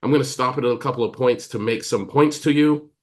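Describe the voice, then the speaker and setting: A man with an American accent, giving a teaching talk as a therapist, emphatic and pausing deliberately, acting out quoted dialogue. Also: medium pitch. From United States. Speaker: psychotherapist and trainer.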